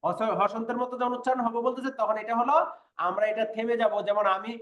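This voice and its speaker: A man's voice: very high-pitched, fairly even intonation, fast, roomy sound, highs cut off. A man teaching a language class online, patiently explaining and repeating sounds and checking that his students follow.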